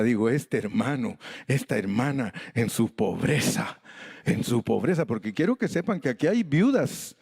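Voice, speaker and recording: A man's voice: mid-range voice, darkish tone, breathy edge, no echo. An older man preaching a sermon as pastor, emphatic and acting out conversations with sudden jumps in his voice. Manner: emphatic preaching that acts out conversations, voice leaping up for stress.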